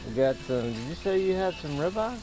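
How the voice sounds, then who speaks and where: A man's voice: fairly high pitch, very animated, fairly quick, over music, rough recording. A man, casually hosting an outdoor vlog at a campsite, chatting to the camera and friends. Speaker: vlog host.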